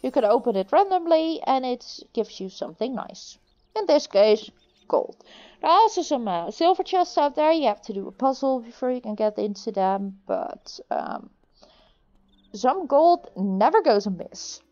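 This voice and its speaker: A woman's voice: sits high, very animated, normal speed, darkish tone, dull audio. A woman giving casual gameplay commentary, talking through what she is doing. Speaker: gamer commentator. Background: faint game music.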